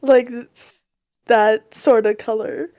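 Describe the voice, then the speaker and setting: A woman's voice: fairly high pitch, steady tone, slow pace, darkish tone, no room sound, clean studio sound. A woman in her twenties co-hosting a podcast, cheerful and giggly in casual chat, with a slightly hesitant, filler-laden way of talking. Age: 20s. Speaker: podcast co-host.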